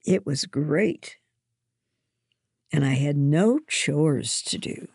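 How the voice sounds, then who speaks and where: A woman reading a first-person story aloud in a gentle, measured way. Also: deep voice, lively intonation, creaky, breathy edge, no room sound. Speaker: narrator.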